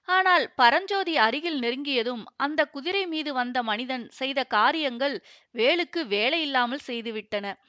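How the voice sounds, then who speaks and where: High-voiced woman narrating a story. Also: unhurried, dry recording, lo-fi sound. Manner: steady storytelling. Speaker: audiobook narrator. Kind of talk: scripted narration of a historical novel.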